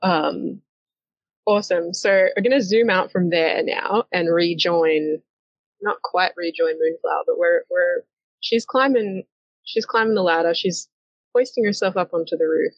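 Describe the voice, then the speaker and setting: Gravelly-voiced woman narrating a story game. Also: lowish voice, unhurried, no echo. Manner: chatty, filler-heavy, hesitant. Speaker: game master. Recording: dull, lo-fi and dry.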